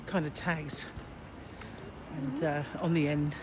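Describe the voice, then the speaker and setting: A woman's voice: low-pitched, flat delivery, takes it slowly. A British woman giving casual, rambling sightseeing narration as a travel vlogger, chatty and a little hesitant. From Britain. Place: outdoors on a city street. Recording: noisy outdoor city recording.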